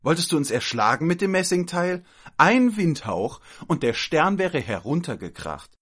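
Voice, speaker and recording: A man's voice: a little high, lively intonation, unhurried, voice pushed up. A man voicing a bossy, indignant aunt who scolds and fusses in a storybook reading. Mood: indignant scolding. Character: shrill bossy scolding middle-aged aunt, female.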